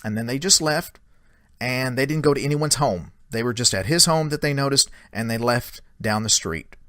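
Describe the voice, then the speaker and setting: A man casually retelling a secondhand story in a conversational way, with many small pauses and "he said" tags. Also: mid-range voice, pushed and bright, no echo, clean studio sound. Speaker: paranormal storyteller.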